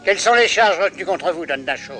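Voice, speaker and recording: Magistrate, TV adventure dub: high-pitched, indignant, formal, over music. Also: male voice, lively intonation, quick pace, fairly bright tone. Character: indignant magistrate defending a prisoner. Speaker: town magistrate. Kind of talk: French-dubbed television adventure acting.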